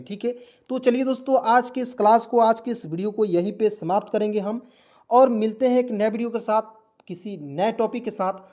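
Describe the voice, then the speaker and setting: Patient man teaching a video class. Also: high voice. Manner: repeats words and asks the viewers rhetorical questions; steady, patient classroom explaining. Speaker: English teacher. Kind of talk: online video lesson.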